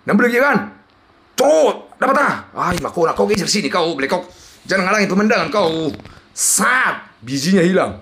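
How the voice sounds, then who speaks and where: A young man, giving loud, excited commentary on a slot game as he plays, swinging between yells and mutters. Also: high voice, normal speed, a little hiss or hum. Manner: loud, shouting and exclaiming, jumpy swings between yelling and muttering.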